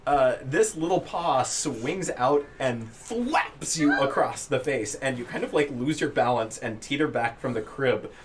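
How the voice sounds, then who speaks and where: A man narrating a tabletop role-playing game to his players as game master, building scenes in halting, drawn-out descriptions. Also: medium pitch, animated, background noise.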